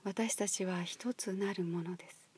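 A woman leading a guided meditation, talking in a soft, slow, breathy near-whisper. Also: mid-range voice, steady tone. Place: outdoors at a highland marsh.

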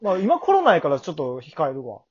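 A man's voice: fairly high pitch, wildly swooping pitch, fast talker, dull audio, crowd noise. A man with a Kansai accent co-hosting a casual podcast chat and joking around. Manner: joking, teasing. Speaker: podcast co-host.

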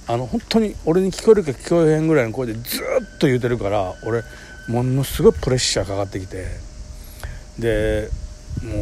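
A man's voice: medium pitch, very noisy. A man in his forties with a Kansai accent, hosting a solo talk show, telling a story with vivid sound words and self-mocking humor. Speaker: podcast host.

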